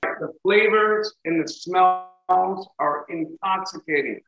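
A middle-aged chef leads a cooking demo over a video call, coaching his student encouragingly and often checking in with "okay?" and "right?". His voice sits high and is a bit bright, and he speaks slowly. The audio is dull, with an echoey room.

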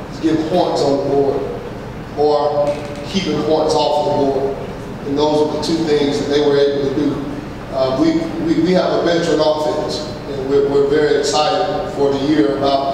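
A middle-aged man, a head football coach, answering press questions after a game in a measured, halting way with many fillers and restarts. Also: fairly high pitch, flat delivery. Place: press room with backdrop, large echoey space. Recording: echoey hall, far mic, noisy.

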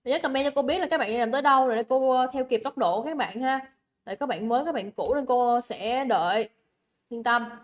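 A young woman teacher with a Vietnamese accent runs a livestream English exam review, her voice a little high and fairly quick. She's chatty and coaxing, repeating words and checking that students are keeping up.

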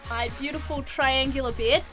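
Excitable young woman touring a boat. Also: sits high, moderate pace, faint music behind. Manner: playful, excitable. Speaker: crew member giving boat tour. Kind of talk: casual vlog tour. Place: aboard a sailing catamaran.

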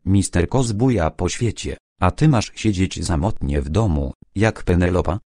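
A man's voice: deep voice, a little mellow, dry recording, clean studio sound. A man reading a bossy chatty young woman. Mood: insistent. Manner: brisk, insistent, chatty. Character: bossy, lively young woman, a busy friend.

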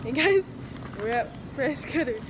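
A teenage girl vlogging her school day, chatting brightly to her phone camera with lots of giggles. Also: high voice, expressive, measured pace. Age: teens. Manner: bubbly, giggly narration to the camera. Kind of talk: casual daily vlog. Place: busy school hallways and classrooms. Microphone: phone held at arm's length. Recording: phone audio with loud crowd and music. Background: loud chatter of students and music.

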